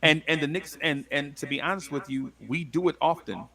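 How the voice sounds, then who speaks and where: A man with a noticeably gravelly, fry-heavy voice settles into a loose, animated storytelling rhythm. He is a podcast guest who stumbles over restarts and slips into slang as he talks. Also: on the high side, a little fast. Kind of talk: casual storytelling.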